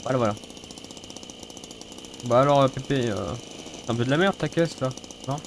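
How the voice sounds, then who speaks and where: A man's voice: mid-range voice, expressive, normal speed. A man with a stuffy, sniffly nose from a cold, giving casual, sweary, mock-grumbling let's-play commentary. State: has a head cold. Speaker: gaming video host. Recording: noisy, engine and rattling mechanical game sounds. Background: game car engine and mechanical clatter.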